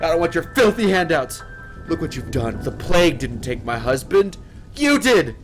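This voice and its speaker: A man's voice: moderate pace, faint music behind, close to an everyday voice. A man voicing a furious grieving widow who screams and sobs at the soldiers in a storybook reading. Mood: screaming. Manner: shrill screaming and sobbing.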